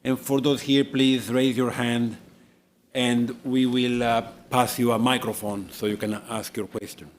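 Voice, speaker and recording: A man chairing a lecture and opening the floor to audience questions, speaking in a measured, halting way. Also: medium pitch, little pitch movement, a little hiss or hum. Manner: measured, halting with many fillers. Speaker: event chair, moderator. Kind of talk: moderating a Q&A. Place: lecture hall.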